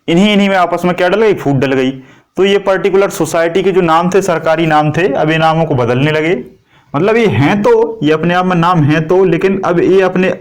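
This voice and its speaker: A middle-aged man, teaching a classroom lecture and explaining with everyday analogies and rhetorical questions to the class. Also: fairly high pitch.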